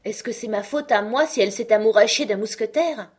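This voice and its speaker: With an urgent mood, a woman reads the part of an earnest country doctor at normal speed. Her voice sits on the high side, a little mellow and pushed up, though close to how she'd normally speak.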